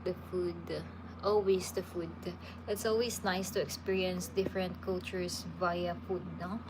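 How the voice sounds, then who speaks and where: A woman in her thirties from the Philippines takes viewer questions on her livestream at a measured pace. Her voice sits on the low side, her manner is easygoing and talkative with many restarts, and background noise can be heard.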